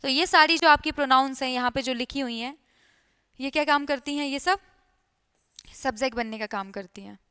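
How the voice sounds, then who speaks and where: A high, bright-voiced woman teaches an exam-prep class. She repeats key points often and keeps checking in with her students. Her delivery is crisp and lively. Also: brisk, pauses often. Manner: repetitive, checks in with listeners.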